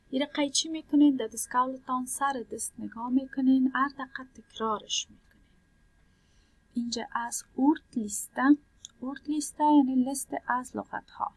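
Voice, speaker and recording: A woman's voice: sits high, no room sound, rough recording. Patient woman teacher, dry close sound. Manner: patient, repeats points and translates word by word. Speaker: language teacher. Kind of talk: explaining a worksheet in a lesson.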